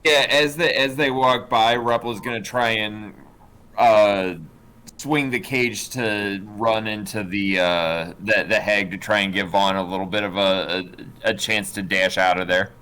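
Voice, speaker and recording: A man's voice: on the low side, steady tone, measured pace, bright, forceful tone, clear, resonant tone, rough recording. A man playing a tabletop game who asks questions and plans his moves aloud. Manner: inquisitive, planning aloud. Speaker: player.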